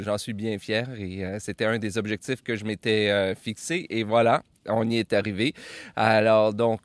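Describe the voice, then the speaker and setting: A man from Quebec with a Québécois French accent, hosting a music podcast in a relaxed, rambling way, with many filler pauses. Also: lowish voice, no echo. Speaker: podcast host. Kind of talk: casual radio-style show introduction. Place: outdoors by a river.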